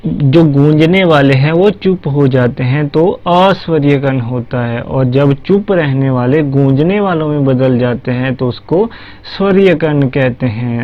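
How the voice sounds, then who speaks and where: A man teaching a language lesson, patient and step by step, asking questions and answering them himself. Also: mid-range voice. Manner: patient, repeats "ठीक है", asks and answers his own questions. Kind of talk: slow spoken language lesson. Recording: dull lo-fi recording with faint music.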